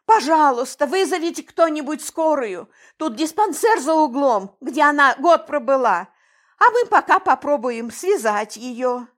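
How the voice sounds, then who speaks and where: A woman's voice: sits high, animated, a little slow, pitched above the performer's own voice. A woman voicing a flustered older man who plays a worried father, pleading and soothing.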